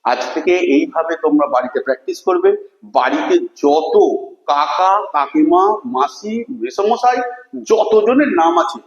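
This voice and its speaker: High-pitched lively male teacher. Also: normal speed, lo-fi sound. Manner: questions and answers with students, spells words letter by letter. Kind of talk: classroom lesson. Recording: echoey room with long reverb.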